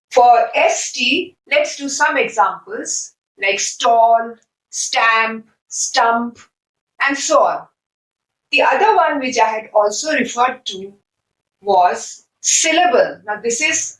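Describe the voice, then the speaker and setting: A woman gives an English lesson at a slow, deliberate pace, her voice a little high. She repeats and counts out each example patiently. The sound is roomy and distant, as if the mic sits far away. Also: animated, fairly bright tone. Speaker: English teacher. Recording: echoey room from far off.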